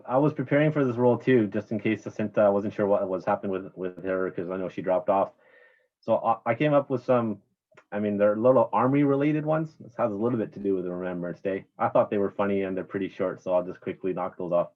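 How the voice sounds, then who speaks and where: A man chairing an online meeting, chatty and rambling, correcting himself as he goes. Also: on the low side. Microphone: video call. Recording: dull lo-fi sound.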